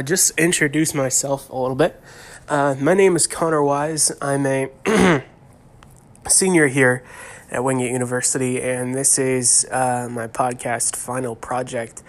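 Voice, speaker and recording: A young man in his twenties, a student hosting a casual solo podcast, sounding stuffy from a sinus infection and talking haltingly with many fillers. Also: medium pitch. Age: 20s.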